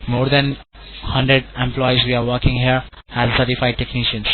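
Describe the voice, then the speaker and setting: A tinny phone line with clear noise carries an Indian-accented man. He is a call center tech support agent with a mid-pitched voice. He speaks politely and at length, repeating himself as he explains. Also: completely flat delivery, moderate pace. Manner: polite, wordy, repetitive, often saying sir and all right.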